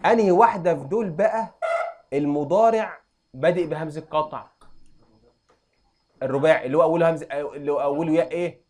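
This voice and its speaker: A young adult man with an Egyptian accent, teaching an Arabic grammar lesson and quizzing students with quick questions. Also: on the high side, darkish tone. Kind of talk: classroom lesson.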